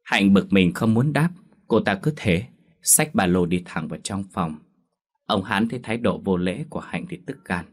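A male storyteller reads a dramatic family tale in a steady, measured way. His voice is very deep and husky, with a breathy edge. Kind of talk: scripted story narration.

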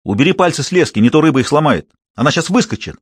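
Guy doing an excited male hunter yelling orders, higher and louder than the narration, dry sound. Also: quick pace, slightly rough, no room sound. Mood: urgent shouting. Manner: urgent, commanding shouts. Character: bold adult male hunter shouting fishing advice.

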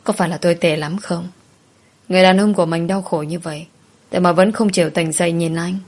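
A woman narrating a first-person audio story in a soft, sorrowful storytelling manner. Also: fairly low pitch, steady tone, fairly quick.

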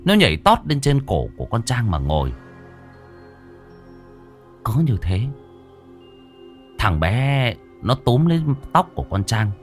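A man telling a horror story in vivid, expressive narration. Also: medium pitch. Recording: narration over faint music.

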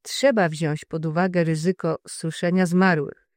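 Deliberate preacher, unhurried Bible teaching, dry close-miked sound. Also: mid-range voice, little pitch movement, dry recording. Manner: slow, deliberate, measured delivery. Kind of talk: Bible teaching with scripture readings.

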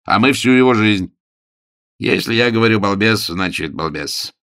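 A man doing a hearty, teasing older gentleman. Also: lowish voice, lively intonation, normal speed. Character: older gentleman, genial mischievous bachelor. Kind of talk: audiobook character voice.

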